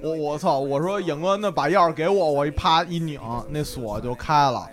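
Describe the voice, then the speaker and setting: A young man, a podcast co-host, telling a story in casual chat, excitable and swearing often. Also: a little high, normal speed, soft background music.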